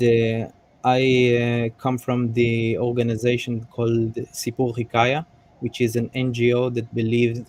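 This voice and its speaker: A man in his thirties introduces himself on an online panel over a video call. His pitch stays flat and his delivery is measured, mid-range in pitch. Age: 30s. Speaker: panel guest. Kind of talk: self-introduction.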